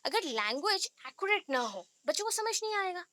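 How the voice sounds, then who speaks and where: A woman's voice: very high voice, sing-song, fairly quick, sharp tone, a little hiss or hum. A woman teacher giving a class over a video call, explaining step by step and often checking whether the students follow. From India. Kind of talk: online class lecture.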